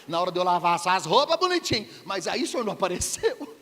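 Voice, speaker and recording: A woman's voice: on the low side, very animated, quick pace, fairly bright tone, in a large hall. A man voicing an exasperated woman complaining sarcastically to a guest who came too late, in a church sermon. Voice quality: whiny, sarcastic.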